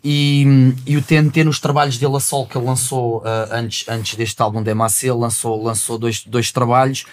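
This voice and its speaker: Casual Portuguese man, mid-pitched and slangy. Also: fairly even intonation, moderate pace. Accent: European Portuguese. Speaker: rapper, interview guest. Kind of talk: casual chat.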